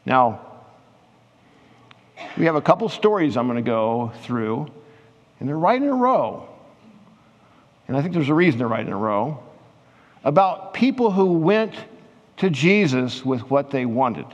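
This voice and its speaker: A man's voice: medium pitch, a little slow, long pauses, dull audio. Man preaching in a reverberant hall. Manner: conversational, animated when retelling scripture scenes. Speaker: pastor. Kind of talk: sermon.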